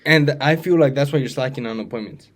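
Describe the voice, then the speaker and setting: A man's voice: medium pitch, fast talker. A man in his twenties, a real estate agent co-hosting a podcast, talking casually and full of slang. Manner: laid-back slangy talk, keeps saying "you know what I mean". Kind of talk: casual chat.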